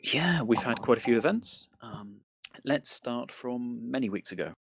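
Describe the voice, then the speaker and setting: A man from the UK hosting a casual podcast chat, relaxed and self-deprecating. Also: medium pitch, unhurried, gravelly, background noise. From United Kingdom. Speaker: podcast host.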